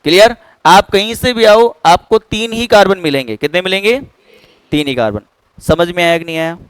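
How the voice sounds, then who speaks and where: A man's voice: high-pitched, moderate pace, a bit bright, clean tone, dry recording, poor audio. A man teaching a chemistry class, who keeps checking whether students have understood. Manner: keeps quizzing students with "clear?". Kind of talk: classroom lecture.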